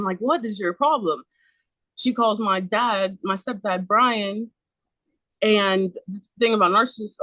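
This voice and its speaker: A woman's voice: mid-range voice, a bit bright, no room sound, rough recording. Woman, 30s, podcast guest. Casual, emphatic storyteller, swears a lot, heavy on "like". Dry sound. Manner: emphatic, profane, many "like" fillers.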